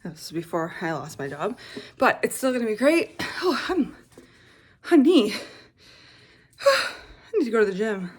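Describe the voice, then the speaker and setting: A woman's voice: fairly high pitch, very animated, unhurried, pauses often, husky, no echo. A young woman vlogging casually at home, rambling through a story with lots of "like" and restarts. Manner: rambling, filler-heavy storytelling with frequent "like". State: out of breath. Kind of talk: casual vlog chat. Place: home, basement apartment.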